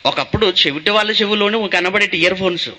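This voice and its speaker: A man's voice: high-pitched, quick pace, sharp tone, a little hiss or hum. A male pastor preaching a sermon, asking his listeners questions and answering them himself.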